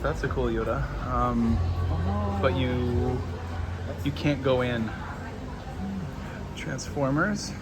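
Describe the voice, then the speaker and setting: A man giving casual commentary as a vlog host walking around a city. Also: medium pitch. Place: busy city streets and shopping malls. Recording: loud music, outdoor city and traffic noise. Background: music, street and vehicle sounds.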